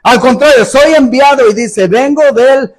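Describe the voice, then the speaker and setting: A man's voice: extremely high pitch, a little slow. A male pastor preaching a sermon in an emphatic style, acting out sarcastic rhetorical questions.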